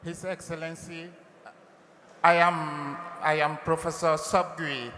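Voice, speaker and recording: A man from Cameroon, a professor, speaking deliberately to the president from the audience. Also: on the high side, flat delivery, sharp tone, a little hiss or hum. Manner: slow, deliberate, halting. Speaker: professor asking a question. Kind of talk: public question at a town hall. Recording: echoey hall.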